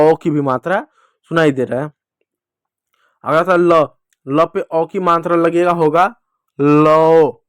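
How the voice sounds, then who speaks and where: A man with a slightly raised voice teaches children letter by letter, drawing out each sound slowly and repeating his own questions to them. The recording is dry and close, with no room echo. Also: a little high, clear, resonant tone. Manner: slow, drawn-out sounding of letters. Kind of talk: children's reading lesson.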